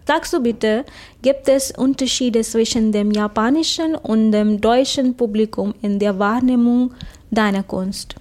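A woman interviewing an artist, asking slow, attentive questions. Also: on the high side, darkish tone.

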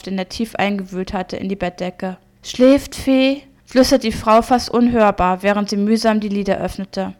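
A woman reads a novel aloud in audiobook narration. Her delivery is measured and steady, at an ordinary middling pitch.

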